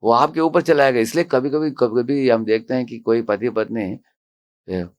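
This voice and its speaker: A man's voice: medium pitch, moderate pace. A man who is a monk and temple president, giving a devotional storytelling lecture. He acts out the dialogue and puts questions to the audience. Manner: animated, acts out quoted dialogue.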